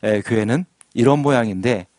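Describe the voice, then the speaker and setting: A man's voice: mid-range voice, moderate pace, a little mellow, no room sound, studio quality. A man preaching a sermon as pastor, asking the congregation questions and drawing call-and-response. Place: church sanctuary.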